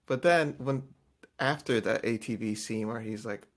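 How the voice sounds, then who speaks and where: A man's voice: medium pitch, normal speed. A man co-hosting a casual podcast, recapping a reality show and acting out quotes in voices. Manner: animated, acts out quotes in voices. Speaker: podcast co-host.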